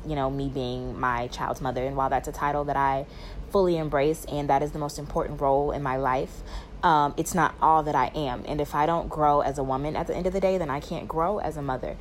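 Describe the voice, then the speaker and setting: A young woman from Atlanta sends in a composed, thoughtful voice note. Her voice is notably low for her age, with a faint ambient hum behind her, and she speaks with steady sincerity. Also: a little fast. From Atlanta, Georgia, United States. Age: young adult. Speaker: podcast listener. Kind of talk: voice note message.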